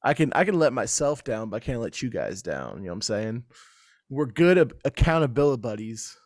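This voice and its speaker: Very animated and a little fast, this man's mid-range voice carries a loose, casual podcast where he curses a lot and breaks into laughter mid-sentence between his stories.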